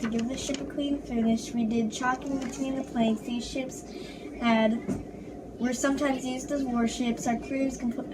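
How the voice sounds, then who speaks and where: Woman doing a grumbly sailor, halting recital, kinda high, far mic + noisy. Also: close to an everyday voice. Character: unlucky male sailor on an exploring voyage. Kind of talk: first-person history presentation. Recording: distant mic with background noise.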